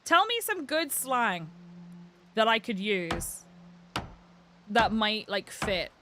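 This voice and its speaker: On a live game stream, a woman with an Irish accent chats casually, rambling with lots of filler words. Her voice is on the high side, very animated, and slow. Background noise with clicks is clearly audible.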